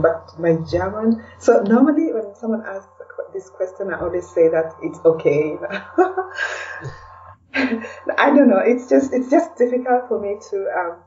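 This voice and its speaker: With a lowish, dark-toned voice and slight background noise, a middle-aged woman with a Kenyan accent guests on a podcast; she's a blogger and podcaster. She responds to interview questions hesitantly and reflectively, leaning on "you know," in dull lo-fi audio from a distant mic.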